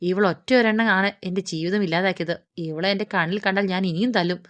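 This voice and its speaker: A woman's voice: mid-range voice, fairly even intonation, a little fast, a bit bright, dry recording, natural voice. A woman voicing a spiteful, contemptuous young woman who insults her elders. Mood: scornful. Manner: contemptuous, sneering. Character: spiteful young woman villain, rude and cruel. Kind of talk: audiobook character reading.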